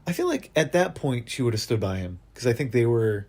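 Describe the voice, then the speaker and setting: A man co-hosting a podcast, chatting casually about a TV episode in a laid-back, agreeable way with some hesitant pauses. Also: mid-range voice, sing-song, a little mellow. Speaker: podcast co-host. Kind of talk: casual chat recapping a TV episode.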